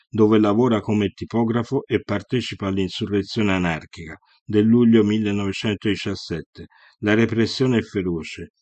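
A man narrating a historical account in a steady, measured storytelling manner. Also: lowish voice, no room sound.

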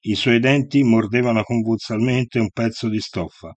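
A man narrating a historical account in a steady, measured storytelling manner. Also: medium pitch, dry recording.

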